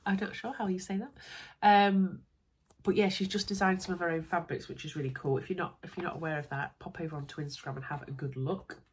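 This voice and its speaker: Bunged up and nasal with a cold, this young Yorkshire woman chats away as she unboxes a sewing parcel at home for her vlog, full of bubbly little asides. She talks fast in a lowish, slightly rough voice with fairly even intonation.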